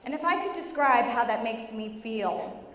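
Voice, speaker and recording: A young adult woman giving a humorous prepared wedding speech as maid of honor, with animated, joking storytelling and dramatic pauses. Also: on the high side. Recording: echoey reverberant hall with clear noise.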